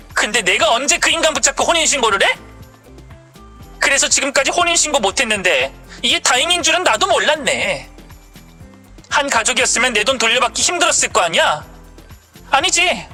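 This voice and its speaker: A woman's voice: high voice, pitched above the performer's own voice, exaggerated voice. A woman voicing a furious scolding young wife. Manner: sharp, scolding. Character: angry young wife confronting her in-laws.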